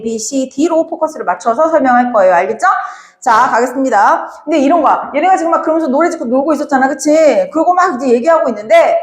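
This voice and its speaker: A woman teaching a Korean literature class, lively and talking straight to her students, now and then acting out the characters' lines. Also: sits high, roomy sound. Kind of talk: classroom lecture.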